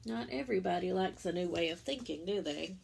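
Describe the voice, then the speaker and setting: With a lowish, expressive, creaky and slightly mellow voice, a woman reads a religious picture book to children as a story-time teacher would, pausing for simple explanations aimed at them. There is slight background noise.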